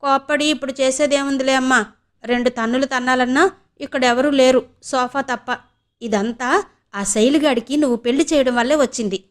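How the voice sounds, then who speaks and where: A woman voicing a sulky, sharp-tongued young woman who complains sarcastically in an audio novel. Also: sits high, steady tone, fairly quick, lightly acted. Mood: sarcastic.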